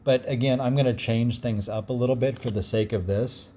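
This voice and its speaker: A man with a gruff voice explaining a card reading in a casual, reassuring and encouraging way. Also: medium pitch, fairly even intonation, a little fast, darkish tone, slight background noise. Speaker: card reader.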